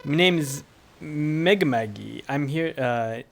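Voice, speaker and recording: A man's voice: fairly high pitch, slow pace, gravelly, a little hiss or hum. A man voicing a feisty young British woman soldier in a video game, using a poor attempted Scottish accent that still sounds like a man. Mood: defiant. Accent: attempted Scottish, put on badly.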